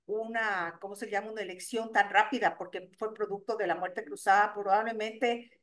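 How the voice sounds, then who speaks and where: A middle-aged woman, an organization's director, explaining her views in a radio interview, pausing and restarting often as she thinks. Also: mid-range voice, fairly even intonation, fairly bright tone. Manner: thoughtful, many hesitations and restarts. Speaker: guest, NGO executive director.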